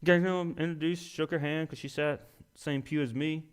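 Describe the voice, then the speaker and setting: A young man delivers a sermon in a folksy, storytelling way. His voice sits a little high, and he acts out the voices of the people he talks about. He builds to loud, emphatic peaks. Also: fairly even intonation, fairly quick, smooth. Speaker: preacher.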